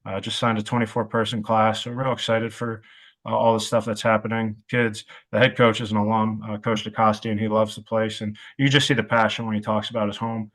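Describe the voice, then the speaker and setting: Man in his late thirties, low-pitched, thoughtful and halting, a coach talking through his career as a podcast guest. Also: flat delivery, a bit bright. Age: 30s. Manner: reflective, halting, many filler sounds. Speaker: wide receivers coach. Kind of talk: podcast interview.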